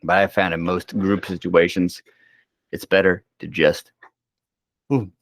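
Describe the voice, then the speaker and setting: A man with a low voice hosts homeroom news, talking loosely and cracking jokes between items. He sounds sleepy and keeps yawning. The recording is dry and close. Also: level tone, unhurried, dry recording. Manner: chatty and joking, yawning, thinking aloud. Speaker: school homeroom news host. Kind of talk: casual school announcements.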